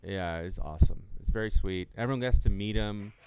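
A man with a low, smooth voice talks in a loose, chatty ramble. His tone is dark and relaxed, and he halts and restarts as he spins out anecdotes, quoting both sides of exchanges. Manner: talkative, halting, acts out quoted exchanges in anecdotes. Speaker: podcast co-host and solo stage performer. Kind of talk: casual rambling chat.

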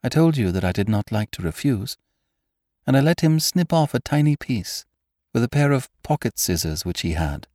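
Reading an audiobook, a man voices a troubled young woman, lifting his pitch above his own and acting it lightly. She hesitates, trembles, and grows frightened until her speech rises to alarm. His voice is medium-pitched, sing-song and a little mellow, at normal speed, in a clean, dry studio recording with no room sound.

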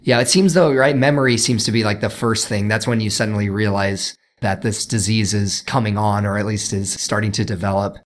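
A man with a low, gravelly voice co-hosts a podcast. He sounds hoarse, as if his voice is shot, and talks in a casual, chatty way. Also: steady tone, brisk, hardly any pauses. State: hoarse, voice worn out from karaoke. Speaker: podcast co-host.

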